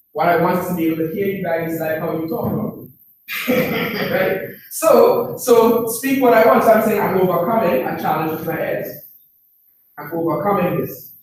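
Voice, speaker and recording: A man giving a motivational talk to a live group at an information session. He often checks in with the room by asking 'right?' and repeats phrases for emphasis. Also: sits high. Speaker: presenter at a business information session. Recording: very echoey room, far from the mic, faint noise.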